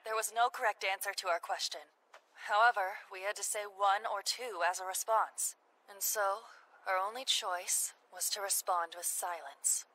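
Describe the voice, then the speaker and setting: A woman voicing a composed, clever young man in an anime dub, explaining things in a measured way. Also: medium pitch, fairly even intonation, sharp tone, lightly acted, rough recording. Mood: calm. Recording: background noise and clicks.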